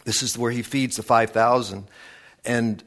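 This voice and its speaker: A man preaching a sermon, retelling scenes in an animated storytelling way with many restarts. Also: mid-range voice, a little slow.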